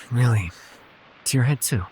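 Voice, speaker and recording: This man portrays an immortal elf healer, gentle and weary with a wry edge, speaking quietly in measured, formal phrases for an intimate fantasy ASMR roleplay. His mid-range voice sounds close to everyday speech, with background noise present.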